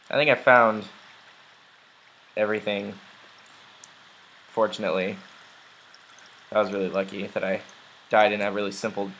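A young let's play gamer gives casual, chatty commentary, rambling along with ums and uhs. His voice is lowish and a bit bright, with slight background noise and poor audio.

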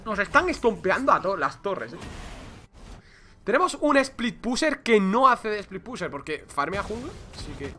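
Young male gamer, bright tense voice, swearing play-by-play. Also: sits high, normal speed, slight background noise. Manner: excitable, swears, says "tío" constantly. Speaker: gaming streamer. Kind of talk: casual gameplay commentary.

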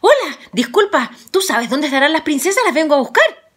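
A woman's voice: high-pitched, very animated, fairly quick, fairly bright tone, voice pushed up. A woman voicing a confident young hero who talks boldly and reassuringly. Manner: bold and reassuring.

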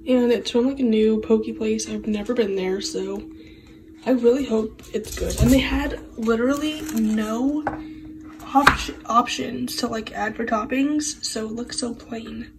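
A woman's voice: fairly high pitch, steady tone, a little slow, noisy background. A young woman chatting casually in a home vlog, her voice nasal and congested from a cold, rambling and often dropping to a half-whisper. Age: young adult. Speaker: vlogger. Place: at home, indoors.

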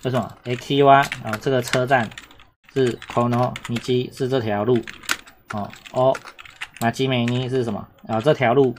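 Man, casual exam-prep teacher, chatty and repetitive, mid-pitched voice, faint typing noise behind. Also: fairly even intonation, a little slow. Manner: chatty, repetitive, asks "懂哈？有没有？" often. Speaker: Japanese teacher.

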